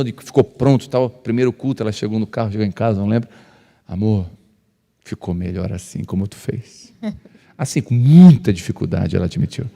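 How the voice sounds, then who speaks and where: A male pastor, telling stories to couples. He speaks loudly by nature, acts out dialogue and jokes with the crowd. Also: mid-range voice. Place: church hall. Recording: long reverb of a church hall.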